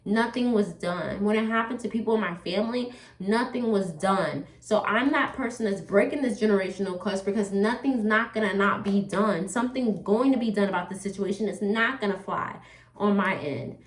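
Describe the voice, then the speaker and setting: A woman's voice: medium pitch, normal speed. A woman talking casually to her viewers while doing her makeup, rambling with lots of "like" and "you know". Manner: addresses viewers directly as "you guys". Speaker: vlogger. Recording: echoey room, voice from off-mic.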